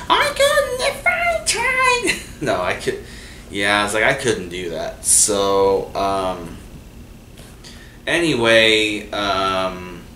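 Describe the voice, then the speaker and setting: Here a deep-voiced male host tells his own stories casually, wandering along with lots of fillers and restarts and perking up when he quotes someone. It's a storytelling monologue heard from afar in an echoey room, with a little background noise.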